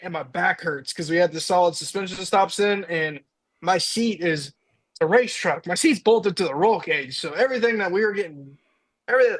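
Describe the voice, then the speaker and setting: A man's voice: sits high, fairly bright tone, no echo, rough recording. A young man from Indiana, a diesel truck racer on a podcast, telling a story in casual chat and acting out his own quotes.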